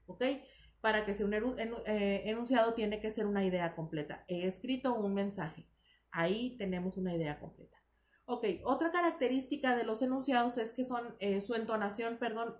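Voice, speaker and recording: A woman teaching a grammar lesson, explaining step by step with frequent fillers and self-corrections. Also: fairly high pitch. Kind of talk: recorded language lesson. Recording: echoey room.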